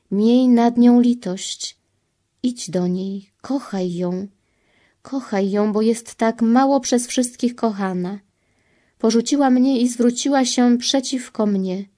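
A woman reading the part of Jesus as a grieving, pleading divine man, solemn and measured. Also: medium pitch, mellow, natural voice. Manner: solemn, sorrowful, slow and measured. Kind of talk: devotional reading.

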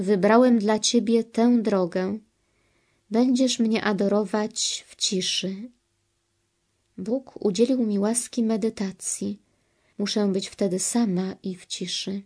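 A woman voicing Jesus as a gentle, solemn male divine teacher, speaking slowly and tenderly. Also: medium pitch.

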